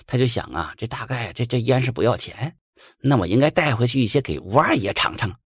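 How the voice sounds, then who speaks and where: Lively male folk-tale storyteller. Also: mid-range voice, brisk, husky, no room sound, clean studio sound. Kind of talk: folk ghost story narration.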